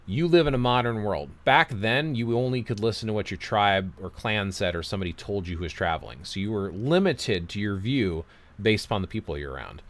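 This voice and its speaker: A man with a very deep voice talks loosely on a livestream. He rambles through his opinions and cheerfully mocks himself for going on too long. He reads viewer comments aloud and answers them. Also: expressive, brisk, fairly bright tone. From United States. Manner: rambling, opinionated, self-deprecating. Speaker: livestream host reading chat comments. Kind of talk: casual livestream chat.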